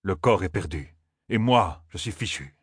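A man's voice: deep voice, expressive, normal speed, breathy edge, dry recording, clean studio sound, heavily acted. A man voicing a weary, stubborn warrior lord who speaks curtly, in a fantasy audiobook. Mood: dejected.

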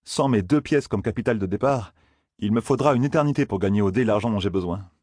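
A man's voice: on the low side, fast, darkish tone, husky, no echo, clean studio sound. A man reading aloud and voicing a stubborn, reckless young gambler in a raised voice. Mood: determined.

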